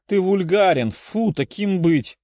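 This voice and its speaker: A man's voice: high-pitched, animated, slow, darkish tone, no echo, clean studio sound, voice pushed up. A man voicing a haughty, sly young noblewoman in a storybook reading. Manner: sly, indignant.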